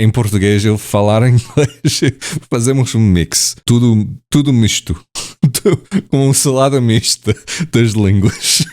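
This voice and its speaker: This man's lowish, mellow voice carries a casual to-camera vlog in a language he hasn't mastered yet. He hesitates, fills gaps, corrects himself, and frequently chuckles at his own mistakes.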